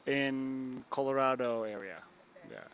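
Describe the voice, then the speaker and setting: The guest is a young photographer from Turkey whose unhurried, mid-range voice sounds fairly bright and clean. Interviewed at a bar and grill, he wanders through his answers with many fillers and repeated "you know what I'm saying."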